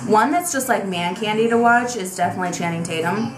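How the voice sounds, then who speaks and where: A woman's voice: medium pitch, fairly quick, echoey room, music in the background. A woman in her twenties chatting casually to camera in a tag video, talking animatedly with lots of fillers, in a small bedroom. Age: 20s. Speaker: beauty vlogger. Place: small bedroom with vanity, indoors.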